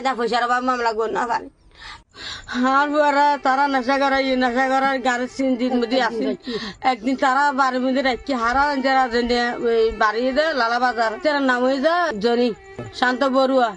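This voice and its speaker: A high-voiced woman with a Chittagong accent tells her story as a bereaved mother. She is plaintive and repeats herself, and faint music plays behind. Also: fairly bright tone. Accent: Chittagong, Bangladesh. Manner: repetitive, plaintive. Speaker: bereaved mother being interviewed. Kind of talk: unscripted personal testimony.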